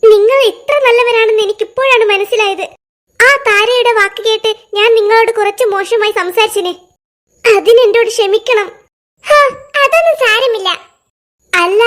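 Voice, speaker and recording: A voice actor playing a crowd of young cartoon schoolkids who chatter and squabble back and forth in a lively animated comedy. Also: very high voice. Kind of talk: cartoon voice acting.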